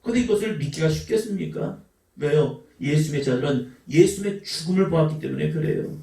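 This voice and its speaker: A man preaching a sermon as pastor, emphatic, swinging between shouts and soft asides. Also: on the high side, brisk, gravelly. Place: church sanctuary. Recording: echoey church hall from a distant mic.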